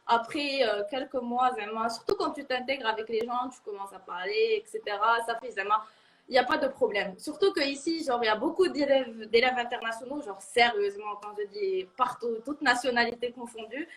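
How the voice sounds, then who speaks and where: A Moroccan-accented woman in her early twenties, an international university student, gives a testimonial in a casual interview, giggly and full of slangy filler words. Her voice is on the high side, brisk, and fairly bright, though the audio is poor.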